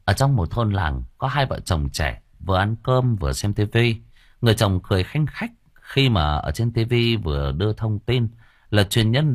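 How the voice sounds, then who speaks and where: A man's voice: deep voice, dry recording. A man narrating a comic story as an audiobook reader, close to the mic.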